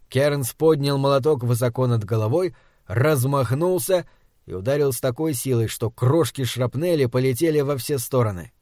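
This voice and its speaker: A man narrates an audiobook in the first person, with a steady, measured delivery. His voice sits at an ordinary pitch for a man, and the recording is dry and close, with no room sound. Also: no room sound.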